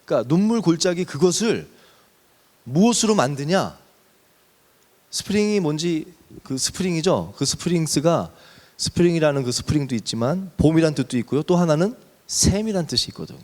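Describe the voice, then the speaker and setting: A man preaching a sermon as pastor, telling a story with lively emphasis and slowing to a near whisper on key words. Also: on the high side, big-room sound.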